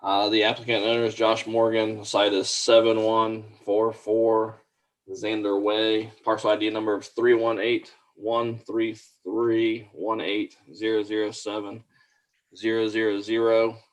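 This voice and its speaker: A man's voice: fairly low pitch, monotone, measured pace, low-quality recording. A man reading out a formal staff report at a public meeting in a plain, procedural way.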